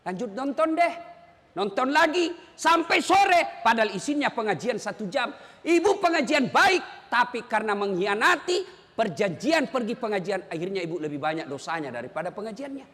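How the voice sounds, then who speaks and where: High, bright-voiced man preaching with humor. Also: normal speed, big-room sound. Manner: animated, joking, sometimes shouting. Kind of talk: humorous sermon.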